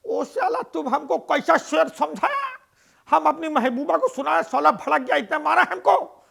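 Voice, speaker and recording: A man voicing an excitable older man, talking in a shrill, high, whining way. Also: normal speed, vocal fry, exaggerated voice. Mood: aggrieved. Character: excitable Bengali older man, comic neighbor.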